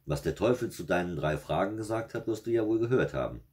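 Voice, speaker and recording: Old granny in a storybook, sharp but kind, scolds then soothes, a man doing her a bit higher than his own low voice. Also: expressive, fast talker. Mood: scolding soothing. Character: the devil's old grandmother, shrewd and kindly.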